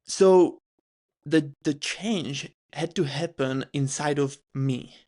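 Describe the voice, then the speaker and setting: A man with a Czech accent hosts a casual interview, his voice sitting fairly high for a man. He talks in halting bursts, restarting sentences and leaning on fillers as he works toward his questions. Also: mellow. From Czech Republic. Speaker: podcast host.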